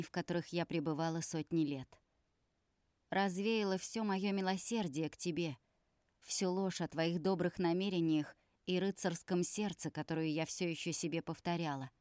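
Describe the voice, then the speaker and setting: Female audiobook narrator, low and measured, somber first-person read, dry booth sound. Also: a little mellow, no room sound.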